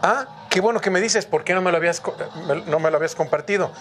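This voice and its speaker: A man's voice: high voice, fast talker, a bit bright, soft background music. Guy vocal coach giving notes, says everything three times. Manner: repeats instructions insistently. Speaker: singing teacher.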